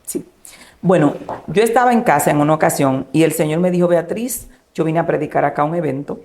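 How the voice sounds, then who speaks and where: A woman pastor, giving an emotional personal testimony and softly acting out the dialogue she recounts. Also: low-pitched, fairly quick. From Dominican Republic. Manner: storytelling, acting out quoted dialogue in a hushed voice.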